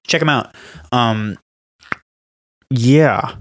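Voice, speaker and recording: Talking extremely slowly at medium pitch, a young man co-hosts a podcast in casual conversation. His storytelling is animated and emphatic, broken up by laughter.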